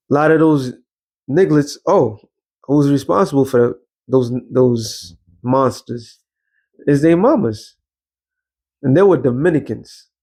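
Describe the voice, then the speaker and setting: A man with a mid-range, darkish voice preaches in a blunt, slangy street style, swearing freely. As preacher and show host, he reads scripture and breaks it down in an informal sermon, firing rhetorical questions and checking in repeatedly like a teacher.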